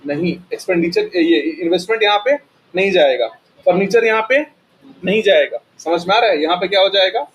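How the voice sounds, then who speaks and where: A man's voice: high voice, fairly quick, highs cut off. A man teaching accounting to a class. He keeps firing questions at the students and often answers them himself. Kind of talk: classroom lecture.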